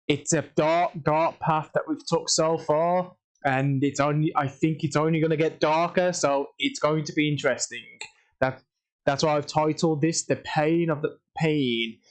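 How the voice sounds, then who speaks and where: A young man chats casually to his stream viewers in a slightly high voice. He sounds tired and rambles, full of ums, restarts and the same few phrases again and again. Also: steady tone, unhurried. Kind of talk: casual livestream chat.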